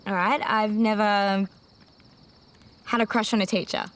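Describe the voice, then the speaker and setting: A woman's voice: medium pitch, fairly even intonation, a little slow, fairly bright tone, a little hiss or hum, natural voice. An actress playing a dreamy, thoughtful teenage girl. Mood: musing. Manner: reflective, musing, and sometimes prim. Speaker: high school student. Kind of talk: film dialogue.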